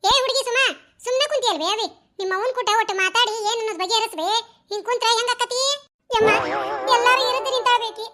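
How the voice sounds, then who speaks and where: Female voice actor: squeaky, piercing cartoon village women, North Karnataka Kannada accent, rapid chattering delivery. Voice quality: very high, bright and shrill. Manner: fast, chattering village talk. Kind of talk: cartoon dialogue acting.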